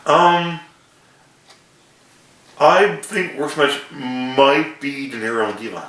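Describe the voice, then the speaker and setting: A man's voice: medium pitch, slow pace, fairly bright tone, distant mic. A man co-hosting a casual wrestling prediction chat, hesitant, often repeating words as he gives his picks. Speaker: podcast co-host. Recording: echoey, a bit off mic.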